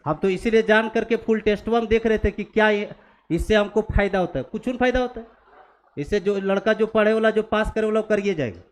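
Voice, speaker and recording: High-voiced scolding male maths teacher. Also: brisk. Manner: scolding, blunt, mixes English maths terms. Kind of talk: classroom lecture, scolding students. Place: classroom.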